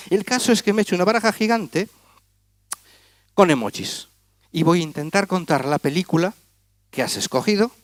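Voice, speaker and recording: A man from performs a comic magic act on an auditorium stage, teasing his volunteers as he talks. His pitch sits a little high and swings about animatedly. The sound is close and dry, with little room echo. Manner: playful, teasing, chatty with volunteers. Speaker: magician entertaining a gala audience.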